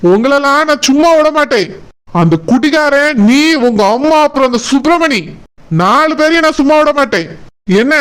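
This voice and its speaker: Raging young husband in a cartoon, kanyakumari tamil, kinda high voice, yells insults and threats. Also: female voice. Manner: shouting insults, scolding and threatening. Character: angry young husband, harsh and accusing. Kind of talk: cartoon voice acting.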